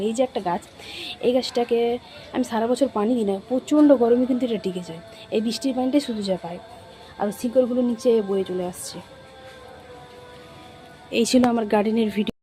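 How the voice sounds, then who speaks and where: Chatty middle-aged woman, quick and high. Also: warm tone, poor audio. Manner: chatty, complaining, frequent self-corrections. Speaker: cooking vlogger. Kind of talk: casual home vlog narration. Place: at home, kitchen and rooms.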